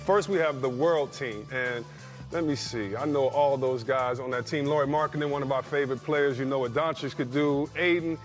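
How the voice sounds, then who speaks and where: A man's voice: medium pitch, moderate pace, faint music behind. A man hosting a sports talk show, joking and teasing his co-hosts and laughing often. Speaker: studio host. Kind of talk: casual sports chat.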